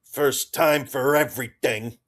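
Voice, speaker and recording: A man's voice: medium pitch, big pitch swings, unhurried, a little mellow, pitched above the performer's own voice. A man voicing a dour, combative woman sergeant who snaps and talks impatiently. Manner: snappish and combative.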